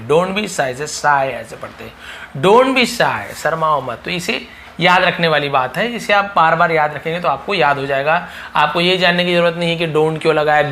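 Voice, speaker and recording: A man's voice: sits high, pushed and bright. A man teaching spoken English in a casual lesson, repeating each phrase and asking rhetorical questions.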